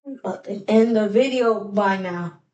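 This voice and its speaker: A woman's voice: mid-range voice, normal speed, a little mellow, muffled recording. A woman giving casual, rambling reaction commentary in slangy, mock-exasperated rants. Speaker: video creator reacting to clips.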